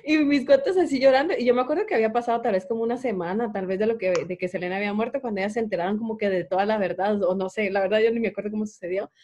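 A woman's voice: medium pitch, rapid-fire, hardly any pauses. A woman telling childhood stories in casual chat, laughing often. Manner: laughing, lively storyteller.

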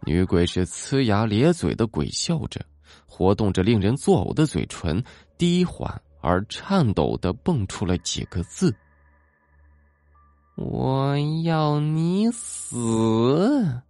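A man narrating a ghost story in a dramatic, expressive way. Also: fairly low pitch, unhurried, dry recording. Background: soft background music.

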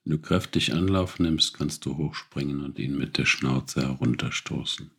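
A man voicing a gentle, weary sheep in a storybook reading, with a gravelly, husky voice. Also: rumbling low, normal speed, heavily acted.

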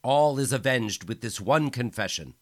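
A man voicing a cruel male tyrant who gives booming, theatrical speeches to a crowd, in an audiobook. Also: slow pace, no room sound, clean studio sound. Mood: bellowing.

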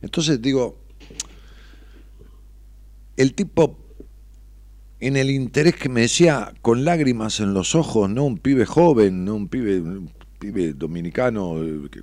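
A middle-aged man with an Argentine accent giving a reflective motivational monologue, expressive and salty, always tossing in tag questions. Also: fairly low pitch, a little slow, no room sound. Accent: Argentine Spanish.

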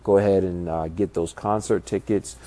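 A man's voice: low voice, steady tone, normal speed, dark tone, dry recording. A man hosting a casual solo podcast, nasal from a stuffy nose, giving encouraging, instructive advice straight to the listener. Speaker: podcast host.

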